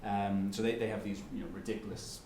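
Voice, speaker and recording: A lowish, darkish voice with a steady tone belongs to an Irish-accented man taking audience questions at an economics lecture. He stumbles through fillers and restarts, and the echoey lecture room recording has slight background noise.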